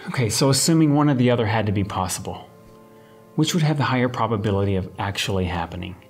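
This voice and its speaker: A man's voice: on the low side, fast, husky. Skeptical everyday man, incredulous, questioning, medium voice, faint music. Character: Tim, a skeptical man hearing a ghost. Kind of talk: film drama.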